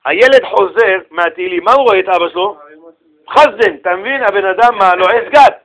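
Male Torah teacher, high pitched, animated questioning preacher. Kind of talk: Torah lesson.

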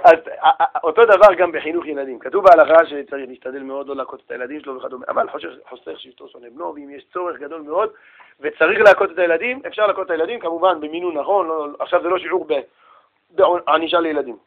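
A man giving a religious talk in a lively, casual storytelling manner, using street slang. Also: a little high, narrow, tinny audio. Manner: animated, casual slang, acts out voices.

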